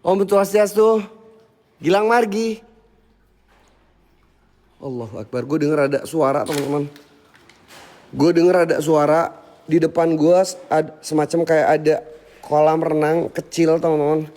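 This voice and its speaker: Man, ghost-hunt stream host, high voice, loud challenges to spirits and hushed muttered prayers, long echoing reverb. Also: steady tone, moderate pace. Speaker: paranormal livestream host. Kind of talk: live ghost-hunting stream. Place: hotel, indoors and out by a pool.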